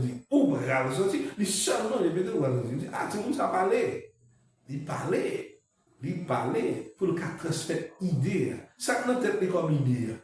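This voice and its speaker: A man's voice: on the high side, a little mellow. A man with a Haitian accent giving a university lecture, switching between French and Creole and repeating key points with emphasis. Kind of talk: classroom lecture.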